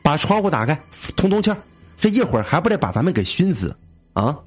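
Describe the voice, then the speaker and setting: A man's voice: on the high side, big pitch swings, fast, slightly rough, soft background music, voice pushed up. A man voicing a crude male college student who swears freely and bosses people about impatiently. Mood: annoyed grumbling. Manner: swears a lot, bossy and impatient.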